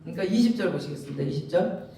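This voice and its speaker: Animated Korean pastor in an echoing church. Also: male voice, high voice, rapid-fire, vocal fry, crowd noise. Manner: animated storytelling, acting out quoted lines. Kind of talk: expository sermon. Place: church sanctuary. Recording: echoey church hall, mic at a distance.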